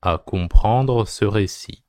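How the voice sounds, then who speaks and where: A man's voice: fairly low pitch, slow pace, darkish tone, dry recording, clean studio sound. A man dictating a text as a teacher, phrase by phrase, repeating each short phrase and speaking the punctuation aloud.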